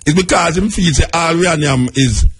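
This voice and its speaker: A Jamaican man with a husky voice, talking in Patois as a radio host, conversational and emphatic, repeating his points. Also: on the high side, fairly quick, faint music behind. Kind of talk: radio talk commentary in Patois.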